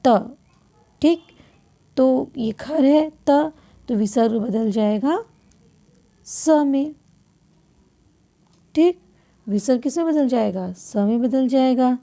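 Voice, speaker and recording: A woman with a fairly high, gravelly voice teaches grammar at an unhurried pace. She walks through each rule step by step, asking questions and answering them herself. She clears her throat now and then and corrects small slips as she goes. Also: mellow. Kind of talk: classroom grammar lesson.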